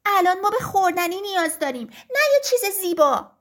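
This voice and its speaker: A woman's voice: extremely high pitch, fairly bright tone, voice pushed up. A woman voicing a flock of hungry, upset farmyard hens who complain shrilly in a children's story.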